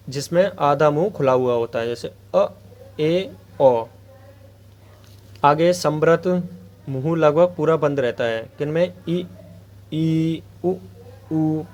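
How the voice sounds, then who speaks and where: A man with a slightly high voice teaches an exam-prep grammar lesson. He asks his viewers a question, then answers it himself, and keeps checking in with them. He draws out the vowel sounds slowly as he spells them. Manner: repeats a check-in phrase to viewers.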